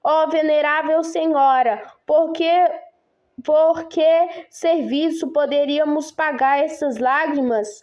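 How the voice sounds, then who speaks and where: A woman's voice: high voice, fairly even intonation, takes it slowly, darkish tone. A woman reading the plea of a grieving emperor to his mother, in her own voice. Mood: pleading.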